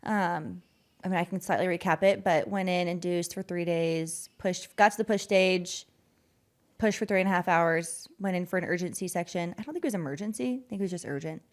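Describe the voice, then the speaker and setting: A woman's voice: on the low side, brisk. Candid woman podcast co-host. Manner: candid, laughing, talks through personal story. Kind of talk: casual chat.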